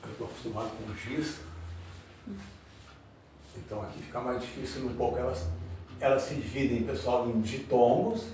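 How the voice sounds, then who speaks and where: A man teaching a grammar lesson at a board, speaking slowly and repeating each example word. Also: mid-range voice, recorded from a distance, background noise. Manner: slow, drawn-out, repeats example words. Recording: very echoey room, voice from afar.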